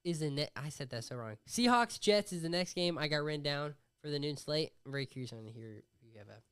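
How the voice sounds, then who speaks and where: Lively young man, dry close sound. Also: a little high, fast, clear, resonant tone, no echo. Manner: lively, swears casually, reads out matchups. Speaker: podcast host running the picks. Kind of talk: casual sports chat.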